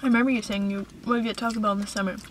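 A woman's voice: mid-range voice, fairly even intonation, very fast, distant mic. A young woman from Canada hosting a casual mukbang in a car, chatting while she eats and laughing often. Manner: chatty, laughs often, talks with her mouth full. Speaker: mukbang host. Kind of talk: casual chat while eating. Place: inside a parked car. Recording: noisy car recording.

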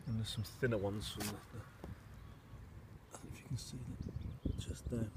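An English allotment gardener and vlogger with a fairly low voice gives a casual, rambling video tour of his allotment and polytunnel, speaking at normal speed with fairly even intonation. He is low-key and a little hesitant, thinking aloud. A handheld phone or camera behind the lens picks up wind and a background rumble.

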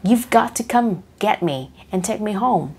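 A woman's voice: medium pitch, expressive, unhurried, a little mellow, husky. A woman reading a tearful young bride. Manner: tearful, pleading. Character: young bride sobbing to her mother.

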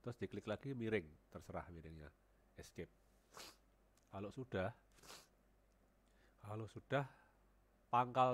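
In a screen-recorded software tutorial, a man with a cold walks through CAD modeling on a headset, thinking aloud and repeating numbers as he types them. His voice sits on the low side, with slight background noise.

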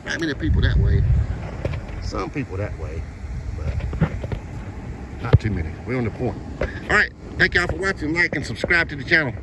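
A man's voice: mid-range voice, expressive, moderate pace, long pauses. A middle-aged man, cheerfully calling out numbers as he scratches lottery tickets on a beach, recorded on a phone held close. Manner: cheerful running commentary, calls out numbers one by one. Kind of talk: casual upbeat vlog chat. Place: outdoors on a sandy beach by the ocean. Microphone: phone camera held close, pointed down. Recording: phone audio with wind and surf noise outdoors.

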